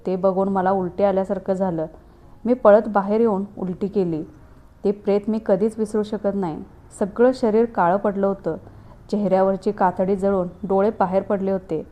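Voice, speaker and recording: A woman narrating a first-person story in a steady, earnest way. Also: mid-range voice.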